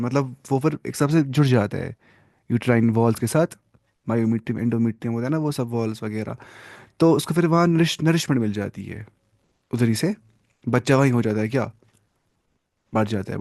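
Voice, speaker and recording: A man's voice: medium pitch, gravelly, a little mellow, dry recording, studio quality. A man teaching a religious lesson, asking his listeners questions and repeating key terms as he explains them. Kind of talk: classroom lesson on hadith.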